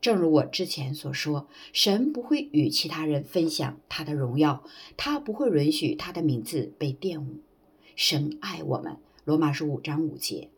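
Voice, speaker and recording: A woman with a low, husky voice preaches a sermon. Her pitch swings widely as she makes each point. She speaks earnestly and cites scripture references as she goes.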